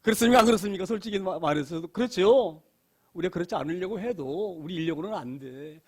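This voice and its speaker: A man's voice: high-pitched, animated, fast. A middle-aged male pastor preaching a sermon in a church, stressing each point with repeated phrases, rhetorical questions and cries of hallelujah. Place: church sanctuary.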